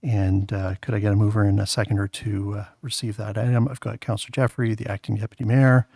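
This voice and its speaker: A man chairing a town council meeting, calling votes in a halting way with many filler sounds. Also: lowish voice, flat delivery, gravelly, a little mellow, breathy edge, no echo, clean studio sound.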